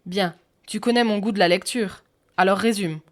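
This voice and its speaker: A woman's voice: mid-range voice, moderate pace, lightly acted. Woman doing a curt detective boss. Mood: firm. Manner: firm and curt. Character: gruff middle-aged male detective boss.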